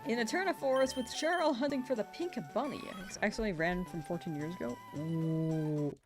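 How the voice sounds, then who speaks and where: Over music, a young female streamer talks a little fast in a mid-range voice. She keeps things relaxed and giggly, reading chat messages while she hunts in a game.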